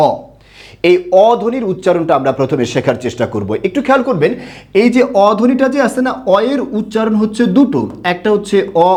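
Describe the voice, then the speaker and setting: Guy teaching sounds, fairly high voice, asks then answers himself. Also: a little mellow. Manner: asks questions and answers them himself, repeats words slowly. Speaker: Bengali grammar teacher. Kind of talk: online pronunciation lesson.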